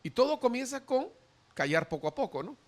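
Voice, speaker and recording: A male pastor preaching a sermon, animated, acting out quoted voices as he goes. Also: extremely high pitch, a little fast.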